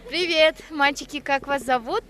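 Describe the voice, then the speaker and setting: A woman's voice: high-pitched, moderate pace, a bit bright. A woman from Tajikistan, working as a TV reporter, chatting and prodding with questions in an informal interview. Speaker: TV reporter interviewing festival participants.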